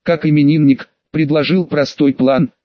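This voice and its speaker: A man narrating an audiobook in a wry, even storytelling manner. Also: a little high, moderate pace, no room sound, lo-fi sound.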